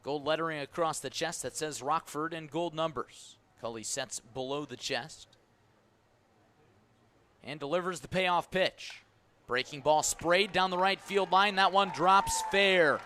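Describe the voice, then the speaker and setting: Bright and forceful, this slightly high male voice takes an unhurried pace as an American announcer delivers live radio play-by-play of a baseball game. Ballpark sounds fill the background of the noisy live broadcast.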